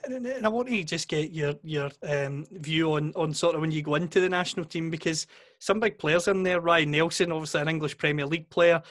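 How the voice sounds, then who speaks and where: A man's voice: fairly high pitch, brisk, a bit bright, dry recording, studio quality. A man with a Scottish accent hosting a show, putting casual interview questions to a guest.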